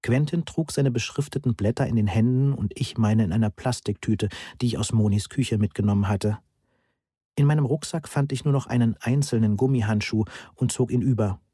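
Dude reading an audiobook, mellow voice, a bit husky, matter-of-fact. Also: male voice, mid-range voice, brisk, no echo, studio quality. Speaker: audiobook narrator. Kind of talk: scripted first-person narration.

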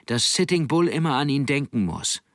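A man voicing an eager young island boy who asks bright questions. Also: medium pitch, big pitch swings, normal speed, no room sound, studio quality, pitched above the performer's own voice.

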